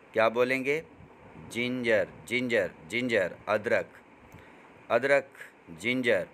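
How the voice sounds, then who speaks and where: Male teacher, slow call-and-answer vocabulary drill, faint hum behind. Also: medium pitch, fairly bright tone. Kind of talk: vocabulary lesson with repetition.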